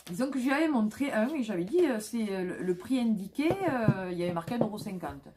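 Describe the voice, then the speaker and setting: A woman's voice: medium pitch, expressive, fast, noisy background. A woman vlogging casually about flea market finds, talking with many fillers and restarts.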